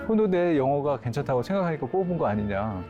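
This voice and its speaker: Man, pastor, storytelling lecture, animated delivery, acts out dialogue, background music. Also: fairly high pitch, quick pace, lo-fi sound. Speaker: pastor and grief counselor.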